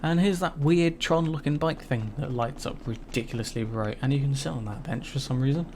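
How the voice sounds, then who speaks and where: A man's voice: mid-range voice, a little fast, a little mellow, slight background noise. Young man rambling over gameplay. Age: 20s. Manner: rambling, mildly frustrated, swears casually. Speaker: gaming YouTuber. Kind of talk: casual gameplay commentary.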